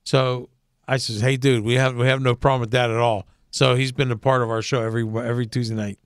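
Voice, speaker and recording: A man's voice: mid-range voice, little pitch movement, fast talker, clear, resonant tone, dry recording, studio quality. A man with a Pittsburgh accent hosting a talk radio show, brash and profane, joking in casual chat.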